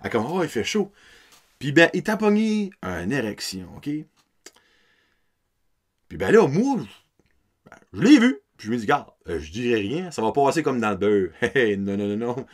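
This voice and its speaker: Animated Acadian man telling stories. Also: mid-range voice, measured pace, pauses often. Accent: Acadian French. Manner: animated, laughing, mixes English words into French. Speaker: podcast host. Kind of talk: casual storytelling.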